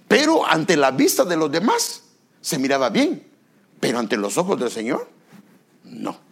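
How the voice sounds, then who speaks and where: A man's voice: on the high side, huge pitch swings, unhurried, gravelly, husky. A male pastor preaching a sermon, asking the congregation rhetorical questions and stressing repeated words.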